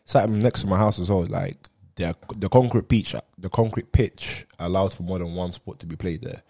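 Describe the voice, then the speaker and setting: Young male, London roadman accent, dark relaxed tone, casual slangy chat. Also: deep voice, moderate pace. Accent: London roadman, multicultural London street. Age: young adult.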